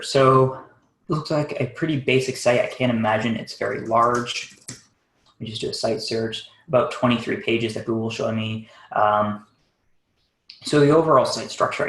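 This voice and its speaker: A man giving a live SEO site audit on a webinar, talking quickly and casually while thinking aloud, with plenty of fillers. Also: medium pitch, fairly bright tone, reverberant, low-quality recording. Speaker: SEO consultant.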